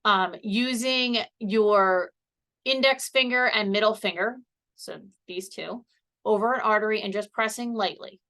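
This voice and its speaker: Seated indoors, a woman health educator gives a casual, chatty presentation, walking through the material step by step. Her mid-range voice has a sharp tone and a measured pace.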